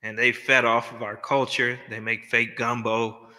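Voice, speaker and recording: Earnest podcast guest, man from Louisiana, sharp bright tone, reverby room. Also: medium pitch, little pitch movement, unhurried. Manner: earnest, preachy. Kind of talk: casual podcast chat.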